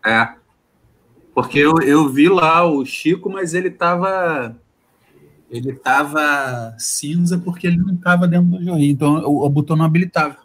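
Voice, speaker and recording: A man's voice: fairly high pitch, normal speed, fairly bright tone. A man casually explaining setup problems to fellow programmers on a video call, hesitating and restarting often. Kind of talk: casual online meeting chat. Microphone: home computer mic on video call.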